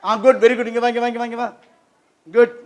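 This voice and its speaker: High-voiced man quizzing children. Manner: lively, keeps quizzing the audience with quick questions. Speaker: guest presenter at a children's program. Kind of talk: interactive lesson for children. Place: children's hall of a public library.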